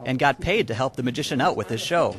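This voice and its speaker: A man's voice: mid-range voice, fast talker. A man reading a scripted local news feature as a reporter's voice-over. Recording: voice-over with prominent music behind.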